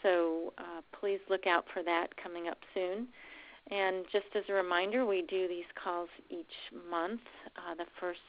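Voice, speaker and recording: A woman's voice: lowish voice, flat delivery. Woman hosting on a muffled line. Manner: gracious, measured wrap-up with fillers. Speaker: host of a monthly call series. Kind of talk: hosting a call.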